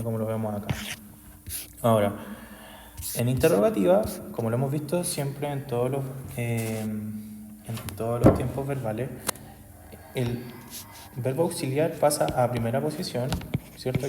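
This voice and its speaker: Teacher in an echoey room. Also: male voice, medium pitch, background noise. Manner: constant tag questions, patient explaining. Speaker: English teacher. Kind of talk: explanatory class recap video.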